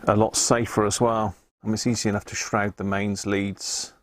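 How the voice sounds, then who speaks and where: Working at his electronics bench indoors, the male host of a repair livestream keeps up casual commentary, talking through his thoughts as he goes. His voice sits on the low side, delivered flatly at a moderate pace, with no room sound.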